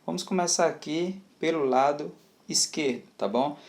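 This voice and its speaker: A man's voice: a little high, normal speed, creaky, a little mellow. A man teaching a video lesson, explaining patiently and checking in often. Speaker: Spanish teacher.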